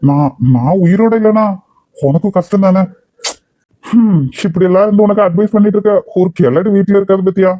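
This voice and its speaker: Brief: guilt-tripping Kanyakumari uncle in a cartoon, voiced by a man, high and mellow. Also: a little fast, no room sound, natural voice. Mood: coaxing. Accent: Kanyakumari Tamil. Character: older uncle, sly and coaxing. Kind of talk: cartoon voice acting.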